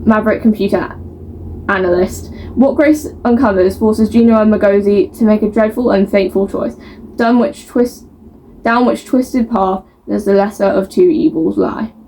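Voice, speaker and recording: A woman's voice: mid-range voice, normal speed, dark tone, a little hiss or hum. A woman chatting casually as a book vlogger, reading blurbs aloud and stumbling over words in a self-mocking way.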